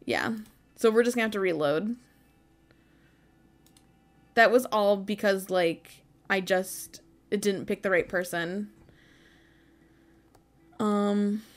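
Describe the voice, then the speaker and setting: A woman's voice: medium pitch, slow, long pauses. A woman hosting a gaming video with casual, informal, self-deprecating commentary.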